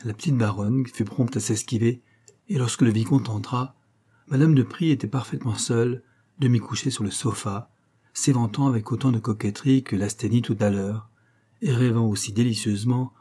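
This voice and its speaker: A man narrating an audiobook of a classic story in a measured, literary reading style. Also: medium pitch, mellow, breathy edge.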